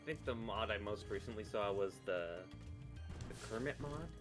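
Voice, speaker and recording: A man's voice: fairly low pitch, expressive, moderate pace, faint music behind. A man co-streaming a video game, chatting casually and riffing sarcastically. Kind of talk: casual chat over gameplay.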